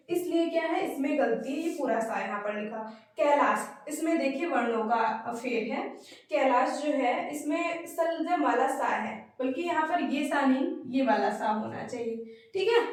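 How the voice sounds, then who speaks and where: A woman teacher giving a spelling lesson for exam students, explaining step by step and repeating each word slowly. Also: high-pitched. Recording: very echoey room, voice far from mic.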